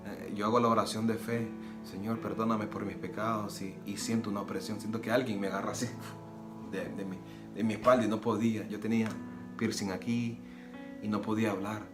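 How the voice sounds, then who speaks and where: Guy telling his faith testimony, earnest, repeats himself, soft guitar behind. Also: fairly low pitch. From Nicaragua. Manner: earnest, repeats phrases, re-enacts dialogue. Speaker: preacher giving testimony. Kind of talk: personal religious testimony. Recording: roomy echo with soft guitar music.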